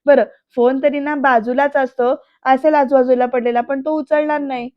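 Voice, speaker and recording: A woman's voice: high-pitched, fairly even intonation, moderate pace, no room sound, highs cut off, lightly acted. A woman voicing a brusque, sarcastic young male boss who gives orders. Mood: sarcastic bossy.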